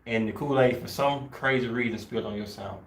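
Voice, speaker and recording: A man co-hosting a podcast in casual chat, laid-back and slangy, getting animated when he rants. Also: mid-range voice, brisk, vocal fry, reverberant, slight background noise. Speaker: podcast co-host.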